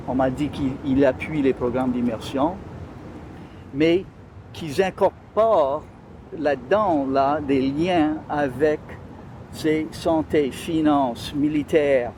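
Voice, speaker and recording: Speaking slowly in a mid-range voice, this interview guest has a Louisiana French accent and background noise around him. The conversation is casual, and he hesitates a lot as he searches for words.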